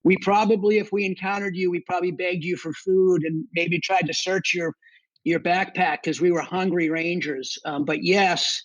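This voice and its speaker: A middle-aged man from the Boston area, an army veteran and section hiker, is a guest on an interview, describing his experiences conversationally and matter-of-factly in a Boston accent. His voice is high with fairly even intonation, and he speaks at a moderate pace. The recording is rough, with no echo.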